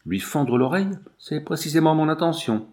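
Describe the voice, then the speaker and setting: A man reading a story aloud, voicing a cruel, arrogant young man who threatens and shouts orders. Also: fairly high pitch, animated, normal speed, voice pushed up, natural voice. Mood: cruel, haughty. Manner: haughty, threatening, shouts commands.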